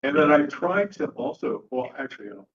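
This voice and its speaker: A man, a board member, gives the group an update on his outreach and pauses often with fillers. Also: a little high, very animated, roomy sound, distant mic, highs cut off, a little hiss or hum. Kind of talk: casual meeting chat.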